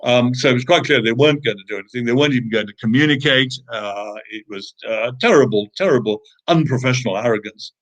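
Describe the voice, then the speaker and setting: A man's voice: mid-range voice, quick pace, hardly any pauses, a bit bright, lo-fi sound. Hesitant, emphatic British man telling a story. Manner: emphatic, hesitant with fillers and restarts. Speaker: interview guest. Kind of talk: conversational storytelling.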